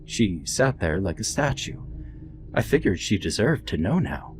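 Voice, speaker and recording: A man voicing a gentle, reassuring elderly woman nurse in a narrated horror story. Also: fairly low pitch, very animated, unhurried, slight background noise. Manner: soft, soothing, motherly.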